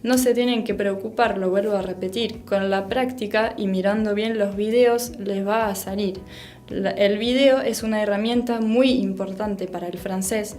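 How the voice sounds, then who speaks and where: A woman's voice: mid-range voice, darkish tone. Patient French-native woman teaching pronunciation. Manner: patient, repeats and models sounds slowly. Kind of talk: pronunciation lesson.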